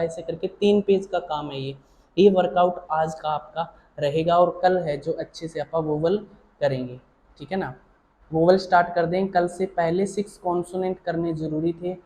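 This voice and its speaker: A male shorthand teacher talks through his lesson in a mellow, soft-edged voice at a middling pitch. He is patient and repetitive, often pausing to check that his students are following. He fondly calls them child or dear, and a faint hiss of noise sits beneath him. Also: rough recording. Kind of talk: explaining a lesson.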